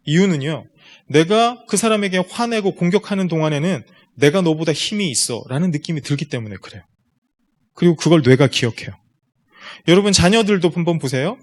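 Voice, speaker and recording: A man giving a seminar lecture to parents, explaining step by step and putting rhetorical questions straight to the audience. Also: on the high side. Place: lecture room at a school.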